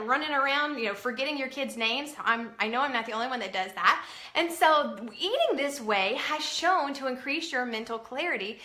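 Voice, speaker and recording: A woman in her thirties talks casually and cheerfully to camera from home, full of fillers and asides. Her voice is bright and a touch high. The room around her rings with echo. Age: 30s. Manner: chatty, upbeat, many fillers. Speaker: vlogger. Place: at home indoors.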